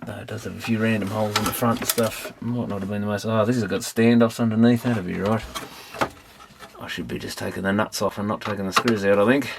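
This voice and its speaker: This Australian hobbyist repairing electronics talks fast in a lowish, fairly even voice, rambling offhandedly to himself as he goes. The audio is clearly noisy and has clicks.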